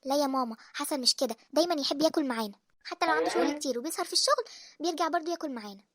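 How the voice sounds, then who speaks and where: A woman in her thirties voicing a suspicious, fed-up wife in an Egyptian cartoon, with an Egyptian accent and a sharp, accusing manner. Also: sits high, animated, rapid-fire. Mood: worried. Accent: Egyptian Arabic. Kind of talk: cartoon voice acting.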